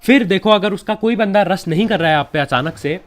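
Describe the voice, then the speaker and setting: A young man talks through game tips in a loose, chatty voice-over, pitched a touch higher than most men. He has a slight cold and keeps tossing in friendly asides to his viewers. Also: a little fast. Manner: chatty, keeps saying yaar and bhai, relaxed advice. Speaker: gaming YouTuber giving tips. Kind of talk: casual gameplay commentary.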